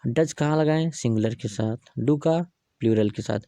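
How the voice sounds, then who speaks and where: A man's voice: mid-range voice, moderate pace, dark tone, no room sound. A man teaching English grammar, going through examples step by step and asking himself rhetorical questions.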